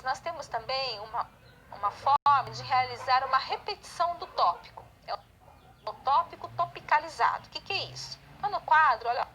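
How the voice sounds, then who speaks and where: A woman's voice: high-pitched, bright, forceful tone, a little hiss or hum, poor audio. A Brazilian woman teaching a class, explaining step by step and checking in with "tá?" and "né?". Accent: Brazilian Portuguese. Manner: explanatory, frequent checking tags like "tá?" and "né?". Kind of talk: online class lecture.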